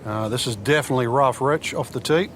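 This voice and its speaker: A man's voice: medium pitch, a little fast, fairly bright tone, a little hiss or hum, natural voice. A man giving golf commentary as the analyst, explaining strategy and conditions in an advisory way.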